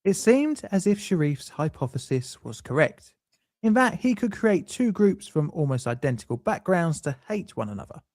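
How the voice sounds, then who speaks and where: A man narrates a scripted explainer in a measured, faintly dry manner. His voice sits a little high for a man, and the recording is close and dry with no room sound. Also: very animated, darkish tone, dry recording. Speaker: documentary narrator.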